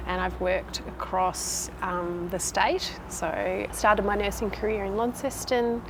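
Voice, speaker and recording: Creaky-voiced Tasmanian Australian woman. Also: mid-range voice, flat delivery, slow. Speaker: nurse unit manager. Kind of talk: interview answers, casual and conversational. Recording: noticeable background noise.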